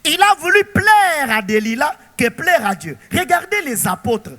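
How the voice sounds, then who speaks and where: High-voiced, lively preaching pastor. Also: male voice, a little slow, long reverb tail. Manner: animated, asks the congregation rhetorical questions. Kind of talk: sermon.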